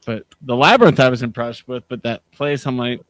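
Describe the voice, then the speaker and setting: A man's voice: medium pitch, a little fast, fairly bright tone, no echo. A man chatting casually on a video call, rambling through stories and laughing often.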